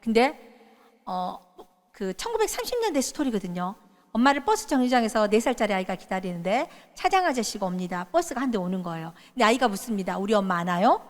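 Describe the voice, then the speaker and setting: A middle-aged woman giving a lively workshop talk, coaching the audience and acting out quoted voices. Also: fairly high pitch, a little fast. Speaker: workshop speaker. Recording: reverberant hall.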